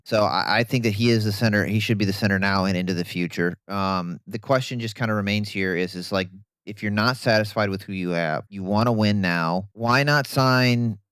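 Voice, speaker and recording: A man co-hosting a casual sports podcast, opinionated and animated, breaking down football players with the odd bit of sarcasm. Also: on the low side, smooth, no echo. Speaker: podcast co-host.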